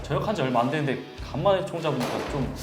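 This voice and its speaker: A man with a somewhat high voice speaks quickly and formally in military style. He sounds like a soldier reporting, in an echoey room with background music. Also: expressive. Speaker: panelist, former special forces sergeant. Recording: roomy sound with music behind.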